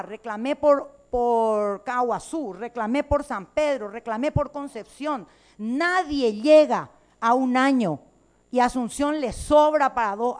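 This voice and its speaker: A woman lawmaker with a Paraguayan Spanish accent delivers a floor speech in the chamber. Her voice sits a little high, and she speaks emphatically, with indignation and fight. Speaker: legislator. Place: legislative chamber.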